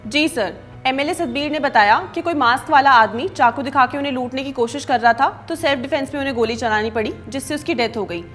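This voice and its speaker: A woman's voice: high voice, fairly quick, hardly any pauses, faint music behind, natural voice. An actress playing a police officer who reports to her boss in an earnest, dutiful tone.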